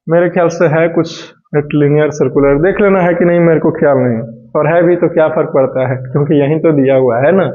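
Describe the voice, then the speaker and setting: A male science teacher lectures in a chatty, explaining manner, his voice a little high but mellow. He is recorded in an echoey room with dull, lo-fi sound. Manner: chatty, mixing Hindi and English, asks and answers his own questions. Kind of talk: classroom lecture.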